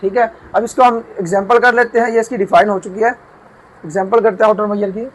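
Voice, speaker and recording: High-voiced man teaching a math lesson. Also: steady tone, quick pace, poor audio. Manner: explains step by step, repeats and asks himself questions. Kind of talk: whiteboard math lecture. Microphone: camera mic while writing.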